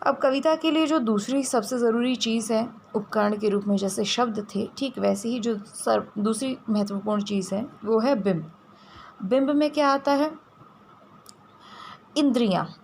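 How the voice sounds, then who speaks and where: Woman teacher, slightly gravelly voice, patient explainer, faint hiss behind. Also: a little high, moderate pace, a little mellow. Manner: explains step by step, asks and answers her own questions. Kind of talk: classroom lecture.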